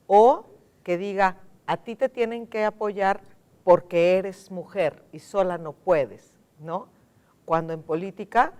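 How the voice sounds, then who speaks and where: A Mexican woman speaking as a guest on a studio panel, emphatic, repeating key words and slowing down to stress them. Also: mid-range voice, a little mellow. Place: television studio.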